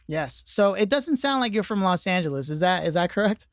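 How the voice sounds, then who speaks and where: A man's voice: sits high, expressive, a little fast, dry recording, clean studio sound. A man hosting a career podcast, introducing the show and interviewing a guest, earnest and prone to restarting his words. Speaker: podcast host.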